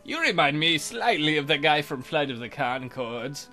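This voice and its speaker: A let's play host with a voice on the high side reads visual novel text aloud while making irreverent, crude jokes and frequently putting on mock voices. He speaks at a moderate pace with a sharp tone and big swings in pitch, and faint music plays behind him.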